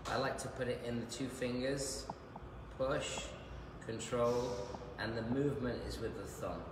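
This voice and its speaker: Steady in tone and measured in pace, a man in his fifties talks through a live haircut lesson, joking and chatting as he teaches and cuts. The hairdresser and educator has a medium-pitched, slightly croaky voice, picked up by a phone camera nearby in a large, bright salon that echoes with noise.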